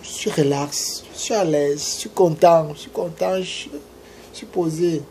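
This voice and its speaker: A man delivering a casual, emphatic advice monologue, repeating his points and jumping up in pitch when he urges his listeners on. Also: unhurried, warm tone, slight background noise. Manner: emphatic and repetitive, preachy. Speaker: vlogger giving love advice.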